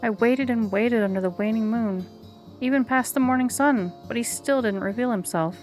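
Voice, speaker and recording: A wistful, heartbroken young maiden pours out her sorrow in slow, melodramatic lines. A woman voices her a little higher and louder than her own voice, in a game. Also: soft background music, close to an everyday voice. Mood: lovelorn. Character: lovesick weeping young maiden, dramatic and wistful.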